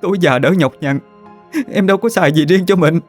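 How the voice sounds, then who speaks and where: A man's voice: high-pitched, brisk, pitched above the performer's own voice. A man voicing a tearful young wife who sobs and begs, in a read-aloud story. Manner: sobbing, begging. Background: faint music.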